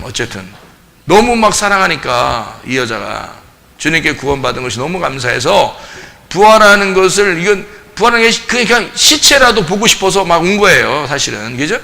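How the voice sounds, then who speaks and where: A male pastor teaching a casual Bible study, asking his group questions and acting out scenes from the text. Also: a little high. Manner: animated, acts out scenes, asks the group questions. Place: church.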